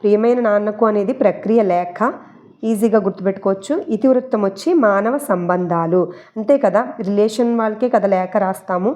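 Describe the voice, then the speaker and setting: A woman with a mellow, warm voice talks through an exam-prep lesson, teaching memory tricks. She chats casually, repeats the key points and slips English words into her explanations. She is recorded close to the mic. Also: medium pitch, fairly quick.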